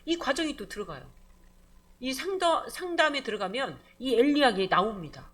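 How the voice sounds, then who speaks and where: A woman pastor preaching a midweek church sermon, lively and conversational, calling out for amens and acting out voices. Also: sits high, moderate pace. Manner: animated preaching, calls for amen, acts out scolding voices.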